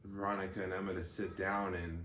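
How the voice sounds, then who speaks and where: A man co-hosting a casual chat, explaining things in a relaxed, rambling way with many fillers. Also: low voice, fairly quick. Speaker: channel co-host, parent. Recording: roomy with faint background noise.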